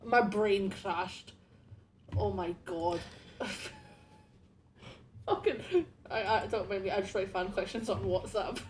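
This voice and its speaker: A man's voice: sits high, measured pace, long pauses, slight background noise. A young adult streamer chatting casually while playing a game, playful, laughing often and tripping over his words. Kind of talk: casual gaming stream chat.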